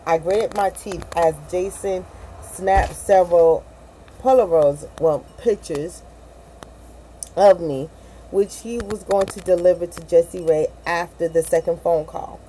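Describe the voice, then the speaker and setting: Woman reading a novel aloud, low and mellow. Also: fairly even intonation, takes it slowly, slight background noise, poor audio. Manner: stumbling, self-correcting, with asides and laughs. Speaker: reader of a novel. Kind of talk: amateur audiobook reading.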